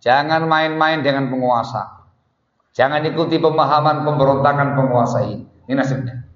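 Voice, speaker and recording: A man's voice: mid-range voice, normal speed. A man giving a religious lecture, telling a story and often repeating words and Arabic phrases for emphasis. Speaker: Islamic preacher. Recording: muffled echoey hall recording.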